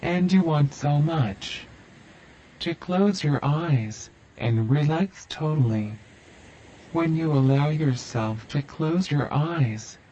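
Man, hypnotist, slow soothing induction, mellow tone, dull lo-fi sound. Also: on the high side, a little hiss or hum.

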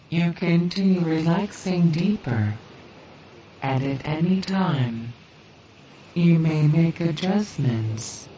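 A woman with a dark, mellow voice guides a hypnotic relaxation session. She speaks extremely slowly and soothingly, leaving deliberate pauses between phrases. The recording is roomy and slightly distant. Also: sits low. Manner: slow, soothing, deliberate delivery with long pauses. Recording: roomy, distant, hissy background noise.

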